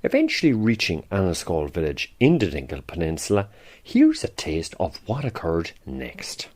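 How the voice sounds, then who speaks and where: A man's voice: sits low, wildly swooping pitch, moderate pace, a little mellow. A man presenting a radio documentary and interviewing locals with friendly, leading questions.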